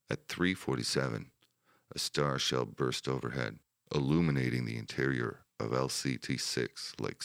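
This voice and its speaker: Very deep, gravelly male narrator. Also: fairly bright tone, dry recording, clean studio sound. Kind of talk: audiobook narration of wartime history.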